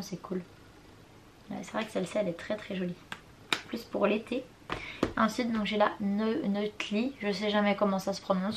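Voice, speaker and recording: A woman's voice: medium pitch, slight background noise. A young woman showing her makeup palettes in a casual vlog, chatty and unsure of product names, apologizing for her pronunciation. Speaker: beauty vlogger. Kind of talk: casual makeup collection show-and-tell. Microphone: compact camera mic.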